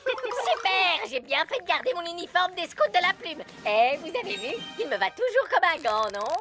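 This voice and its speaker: High-pitched, cocky cartoon woodpecker. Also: very animated, normal speed. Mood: proud. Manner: boastful, theatrical, exclamatory. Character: cocky, boastful, excitable cartoon woodpecker, old scout show-off. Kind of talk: animated cartoon character acting. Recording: loud music bed. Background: loud cartoon music.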